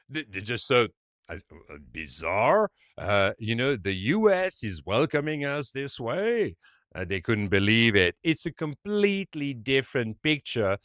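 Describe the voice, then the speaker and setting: Male commentator, animated storyteller, dry mic. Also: mid-range voice, dry recording. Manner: animated storytelling, frequent fillers and restarts. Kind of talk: casual monologue commentary.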